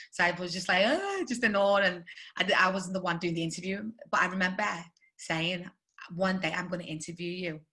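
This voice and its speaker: A woman with a Scouse accent, a journalist guest on a video-call webinar, telling animated stories and laughing often. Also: fairly low pitch. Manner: animated storytelling with frequent laughter.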